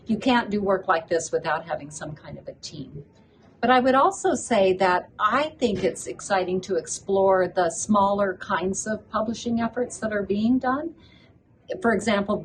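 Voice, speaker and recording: An older woman raised in Ethiopia, now a children's book author, speaks earnestly as an interview guest at a conference venue. Her voice is mid-range, with slight background noise and poor audio quality.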